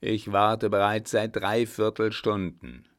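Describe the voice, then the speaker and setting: A man voicing a scheming army captain in a spoken storybook, talking tense and hushed. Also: on the low side, level tone, slow pace.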